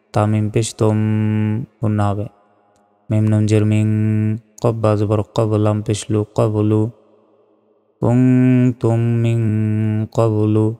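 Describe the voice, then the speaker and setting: A man teaching Quran reading, methodically spelling out each syllable and then reciting the verses in slow, drawn-out phrases. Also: fairly low pitch, mellow, clear, resonant tone. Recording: long reverb, faint background music.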